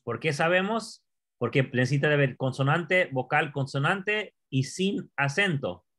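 Man, tutor, slow, fairly high voice, repeats words, asks questions. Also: animated, a bit bright. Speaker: Hebrew teacher. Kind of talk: patient classroom explanation.

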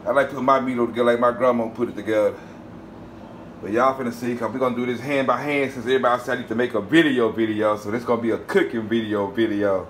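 A cooking channel host from the Southern United States chats casually while cooking in his home kitchen, speaking straight to viewers and calling them "y'all." He's relaxed and chatty, talking fast in a mid-range voice, with slight background noise.

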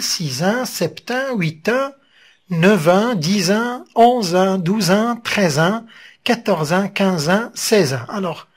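A teacher, giving a slow, step-by-step French verse lesson and spelling out syllables one by one. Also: mid-range voice, breathy edge.

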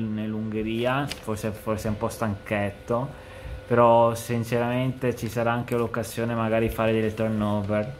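Guy in his 20s chatting through a football match, slow and hesitant, lots of pauses, bit of background noise. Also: medium pitch. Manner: halting, hesitant delivery with long pauses. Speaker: amateur football commentator. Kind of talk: casual football match analysis. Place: indoors, room with bookshelves.

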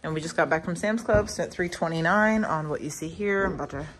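A woman in her thirties, a mother and vlogger, casually listing her grocery haul item by item with frequent ums. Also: fairly low pitch. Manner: lists items slowly with frequent ums. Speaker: vlogger, mother of a large family. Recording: noisy home recording. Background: kids in the background.

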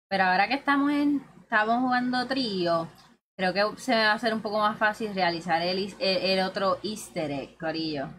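A woman's voice: medium pitch, pushed and bright. A woman, chatting and teasing her teammates and viewers while streaming a game. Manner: chatty and teasing, calls viewers "corillo" and "bebesote". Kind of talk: casual gaming livestream chat.

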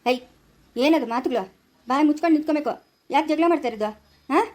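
A stern mother, played by a woman, barks orders and scolds in a homemade family drama. She speaks with a rural Karnataka Kannada accent. Her high voice rattles along fast. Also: natural voice. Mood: scolding. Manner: scolding, sharp commands. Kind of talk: amateur family drama skit.

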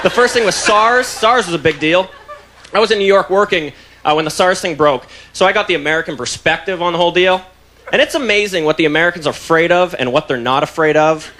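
A young man doing a loud, mocking stand-up comedy set on a stage mic. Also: high voice, fast, slight background noise. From Canada. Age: young adult. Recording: live club with loud crowd laughter.

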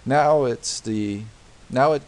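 Taking it slowly in a mid-range, darkish voice, a man narrates a home repair tutorial over a diagram. The unscripted screen-recorded explanation moves step by step, with frequent fillers and restarts.

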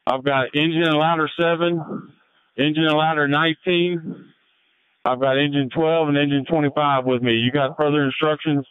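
A man's voice: on the high side, steady tone, normal speed, clear, resonant tone, dry recording. A man, a firefighter, giving terse status reports over a two-way radio. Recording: tinny, narrow-band fire radio channel.

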